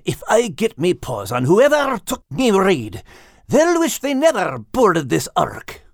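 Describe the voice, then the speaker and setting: A man's voice: high-pitched, huge pitch swings, slow pace, dry recording, studio quality, pitched above the performer's own voice, full character voice. A man doing a growly Scots-grumbling beast. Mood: huffy. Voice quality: growly, gravelly. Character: gruff grumbling male animal, easily riled.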